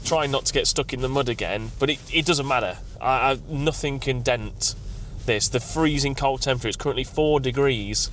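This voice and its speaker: A man who works as a tree consultant, vlogging about his day in an excited, rambling, emotional way from his car. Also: mid-range voice, moderate pace, few pauses, slight background noise. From England. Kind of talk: vlog. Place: outdoors at night, then in a car.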